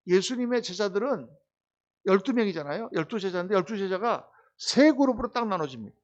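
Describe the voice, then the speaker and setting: A middle-aged man preaching with a high voice, delivering an animated Bible exposition as pastor. He keeps posing questions to the congregation and answering them, and the recording sounds dull and lo-fi. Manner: animated, acts out quoted disciples with sudden loud bursts.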